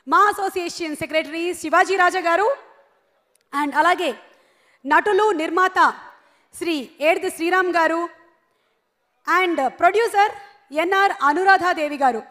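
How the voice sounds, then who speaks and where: A woman's voice: very high voice, normal speed, pauses often, fairly bright tone. A woman hosting a stage event in a polished, ceremonial manner on a handheld mic in a reverberant hall. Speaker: event anchor.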